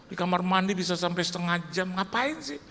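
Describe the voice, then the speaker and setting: A man's voice: sits high, animated, brisk, creaky, sharp tone, heavily acted. A male pastor voicing his strict, bossy middle-aged wife who scolds and hurries him along. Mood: bossy, scolding. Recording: echoey hall reverb.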